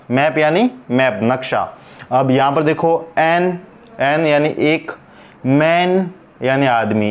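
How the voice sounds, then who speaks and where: A man teaching an English pronunciation lesson, asking questions and answering them himself as he repeats each word. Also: on the high side.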